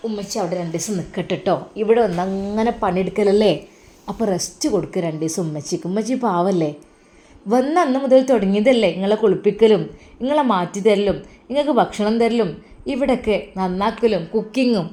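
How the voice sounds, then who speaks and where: A woman's voice: mid-range voice, fairly quick, warm tone, close to an everyday voice. A woman voicing a caring, worried grandmother who coaxes her family tenderly, with a Malappuram accent. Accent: Malappuram Malayalam. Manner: coaxing, tender.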